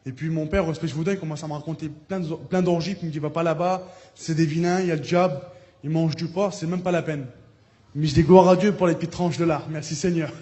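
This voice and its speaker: A man giving a spoken testimony as a preacher, telling his story, acting out the people he quotes and breaking into loud praise. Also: on the high side, steady tone, fast. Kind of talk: testimony sermon.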